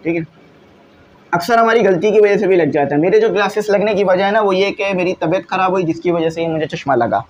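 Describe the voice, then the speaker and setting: A man's voice: high-pitched, fast, darkish tone, dull audio, slight background noise. A male teacher, patiently explaining exam answers in a classroom lesson and often checking in with his students. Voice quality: glasses wearer.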